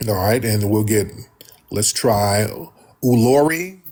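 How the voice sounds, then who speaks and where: Slightly husky American man hosting live talk. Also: on the low side, animated, slow, darkish tone. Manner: blunt, colloquial, swearing. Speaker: host.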